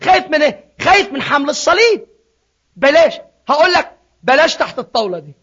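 A man preaching a sermon, swinging from hushed asides to shouted appeals. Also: extremely high pitch, very animated, quick pace. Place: church in Sydney. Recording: dull lo-fi recording.

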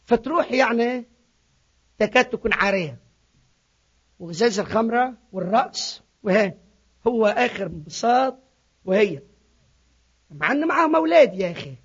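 Impassioned high-voiced preacher. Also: male voice, lively intonation, normal speed, pauses often, breathy edge. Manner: impassioned, swings from hushed to shouting. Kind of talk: sermon. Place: church in Sydney. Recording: dull lo-fi recording.

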